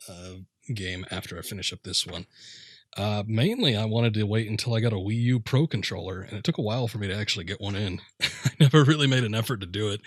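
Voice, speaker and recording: A man's voice: on the low side, fairly bright tone, no room sound, studio quality. A man streaming a game with casual, rambling chat, offhand and thinking aloud.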